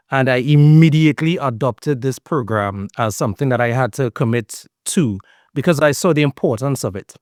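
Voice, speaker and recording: A man's voice: medium pitch, dry recording, studio quality. A man giving earnest, upbeat greetings to a group of girls as a foundation director, repeating phrases for emphasis. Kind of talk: motivational address to girls, online event.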